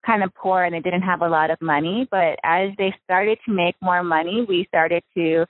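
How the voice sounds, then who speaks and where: A woman's voice: fairly low pitch, normal speed. Woman from Hawaii on a phone line. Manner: relaxed, chatty with frequent ums and soft laughs. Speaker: guest, freediving spearfisher. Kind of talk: casual interview over the phone. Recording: tinny phone line, dry.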